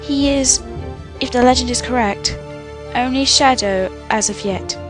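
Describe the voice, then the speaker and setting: A woman's voice: a little high, unhurried, close to an everyday voice. A woman playing a gracious, resolute young princess in an amateur fantasy radio play, speaking formally and earnestly. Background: loud music.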